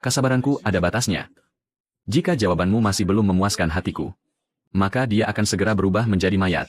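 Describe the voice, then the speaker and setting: A man's voice: on the low side, fast talker, no room sound, lightly acted. A man dubbing an arrogant young martial arts fighter in a drama, speaking in a cold, threatening way. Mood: menacing. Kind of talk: Indonesian dub of a Chinese drama.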